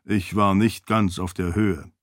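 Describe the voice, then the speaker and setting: A man's voice: deep voice, fairly even intonation, measured pace, no room sound, studio quality. A man voicing a loyal, polite spirit servant who speaks formally in an audiobook. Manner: formal, courteous.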